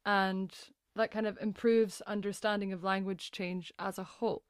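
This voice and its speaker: A woman's voice: medium pitch, little pitch movement, normal speed, smooth, dry recording, studio quality. A woman interviewer asking brief, polite questions.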